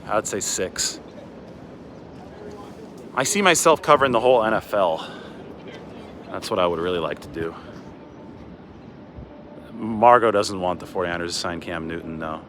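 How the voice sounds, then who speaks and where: On a dawn livestream by the river, an American sports reporter moves about outdoors, chatting loosely and drifting into tangents. His voice sits in the mid range with a slightly bright quality. City ambience and traffic noise are audible throughout.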